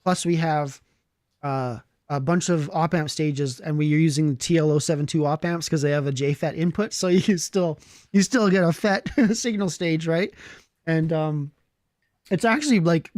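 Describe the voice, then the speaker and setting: A man's voice: on the high side, normal speed, darkish tone, dry recording, studio quality. A man with a Canadian accent, co-hosting a casual livestream chat, upbeat and enthusiastic as he talks about effects pedals. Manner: upbeat, enthusiastic, laughs often. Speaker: co-host, pedal maker.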